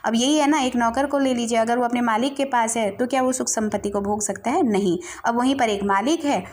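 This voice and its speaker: A woman with a high voice gives a literature lesson. She explains each point patiently and reads the verse lines slowly and carefully, recorded on a phone. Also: darkish tone. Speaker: Hindi literature teacher.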